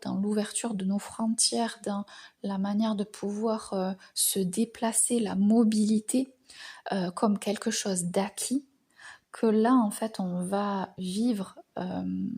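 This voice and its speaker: A woman from France hosting an astrology talk, speaking in a reflective, hesitant monologue with many pauses and phrase endings that trail off into whispers. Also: mid-range voice, creaky, mellow, husky. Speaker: astrology channel host.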